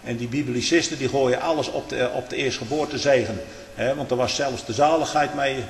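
A man preaching a fiery sermon, denouncing his opponents and building to near-shouting. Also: mid-range voice, fairly quick, slight background noise. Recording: echoey hall with long reverb.

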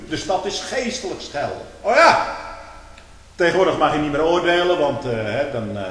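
A man giving a sermon, swinging between loud emphatic declaiming and low conversational asides. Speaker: preacher. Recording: reverberant hall.

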